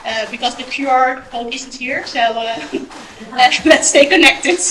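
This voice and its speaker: A woman's voice: sits high, unhurried, a bit bright. A woman giving a short speech at a gala, hesitant and full of ums, recorded in a hall. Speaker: gala speaker. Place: event hall. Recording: echoey hall, light noise.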